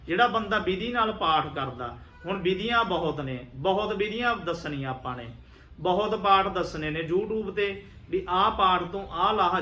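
A man's voice: fairly high pitch, sharp tone, echoey room. A man, a Sikh religious teacher, giving earnest instruction to viewers and repeating key points.

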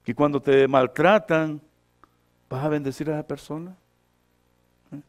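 A man, the pastor, preaching a sermon, who keeps checking in with short questions and swings between loud, emphatic lines and quiet asides. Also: fairly high pitch, steady tone, a little slow. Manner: repeats scripture references for the congregation.

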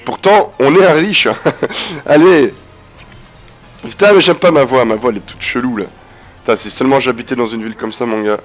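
A man with a head cold commentating a video game casually, swearing, laughing and yelling at the action. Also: mid-range voice, moderate pace, long pauses, faint music behind. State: has a cold, stuffy. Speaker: gameplay commentator. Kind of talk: casual let's-play commentary.

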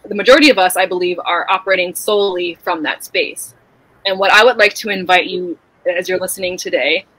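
A woman with a bright, forceful voice speaks as a podcast guest. She talks in a candid, animated way and now and then swears casually. Her pitch sits in the middle of the female range. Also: low-quality recording.

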